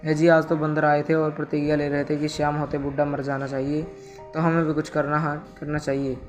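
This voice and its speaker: A man voicing a cunning old village farmer who plots in a low, quiet tone. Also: monotone, fairly quick, faint music behind, close to an everyday voice. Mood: plotting.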